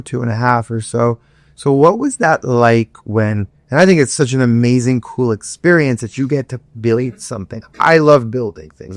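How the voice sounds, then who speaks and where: Smooth-voiced enthusiastic male podcast host. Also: mid-range voice, no room sound, clean studio sound. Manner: enthusiastic, with quick bursts. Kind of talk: interview conversation.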